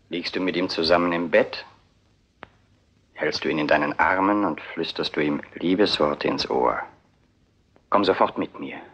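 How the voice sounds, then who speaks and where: Jealous pushy young actor, low husky voice, muffled old film sound. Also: male voice, fairly bright tone. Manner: pressing, threatening, then pleading. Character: jealous, domineering young male actor, lustful. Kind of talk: German film dub.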